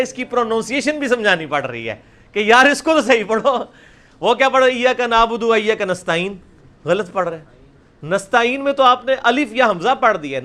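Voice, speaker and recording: A man teaching a recitation class over a video call, repeating each sound slowly and loudly for his students. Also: extremely high pitch.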